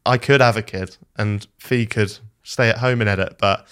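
A young Englishman in his late twenties chatting on a podcast, his voice sitting fairly low. He talks loosely, restarting sentences and poking fun at himself. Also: steady tone, normal speed, fairly bright tone, smooth. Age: 20s. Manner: chatty, self-deprecating, frequent restarts. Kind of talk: casual podcast conversation.

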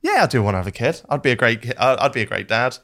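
A man's voice: medium pitch, lively intonation, very fast, fairly bright tone. A man, talking casually on a podcast, self-deprecating and often restarting his sentences. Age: 20s.

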